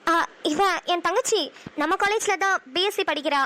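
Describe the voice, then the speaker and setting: A woman's voice: very high-pitched, moderate pace. A woman doing a sweet, dreamy elder sister. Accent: Namakkal Tamil. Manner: soft, coaxing, dreamy. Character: gentle lovestruck young woman, elder sister. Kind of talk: cartoon voice acting.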